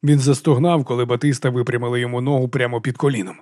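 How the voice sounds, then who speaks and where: A man narrating an audiobook in an even, measured reading. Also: medium pitch, no echo, studio quality.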